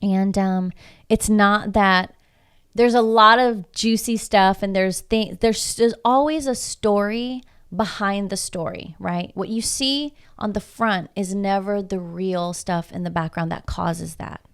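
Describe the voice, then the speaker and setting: Her voice is medium-pitched, clear, and resonant, moving a little slowly. A Spanish-first speaker from Houston, Texas, she joins a casual podcast conversation as a guest, reflective and emphatic with frequent rhetorical questions.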